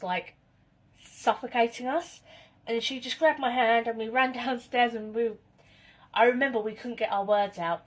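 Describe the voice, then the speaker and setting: A woman, chatting casually to camera in her home kitchen and telling spooky stories in a rambling way. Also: mid-range voice. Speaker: vlogger.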